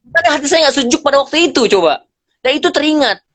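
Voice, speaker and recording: A man speaking as a guest on a live stream, telling lively stories in slangy casual talk and acting out bits of dialogue. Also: very high-pitched, fast talker, dry recording. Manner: animated storyteller, acts out dialogue, slangy. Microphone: phone on a live video stream.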